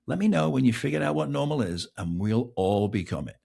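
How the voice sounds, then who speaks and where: A man's voice: mid-range voice, expressive, a little fast, gravelly, mellow. A middle-aged man from England, hosting a podcast in a casual, joking, self-mocking monologue full of rhetorical questions. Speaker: podcast host.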